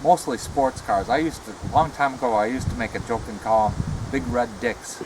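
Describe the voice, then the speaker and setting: A man's voice: mid-range voice, brisk, noisy background. Man talking from one side of his mouth. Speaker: retired comic book artist showing a car. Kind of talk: casual rambling chat. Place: outdoors beside a parked car.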